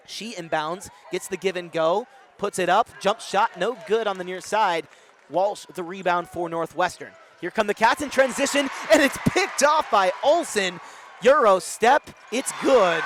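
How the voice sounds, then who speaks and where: A young male student sportscaster with a fairly high voice calls basketball play-by-play. His calls are brisk and build to excited shouts when a shot drops. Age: young adult. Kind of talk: sideline interview and play-by-play commentary.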